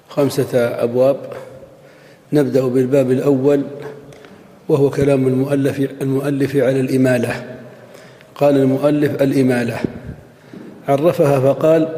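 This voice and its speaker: A male scholar delivers a measured, didactic lecture, patiently repeating each example. His voice is dark and mellow. It rings through a roomy hall with a long reverb trail. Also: medium pitch. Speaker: Islamic scholar teaching Arabic morphology. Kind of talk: classroom lecture explaining a text.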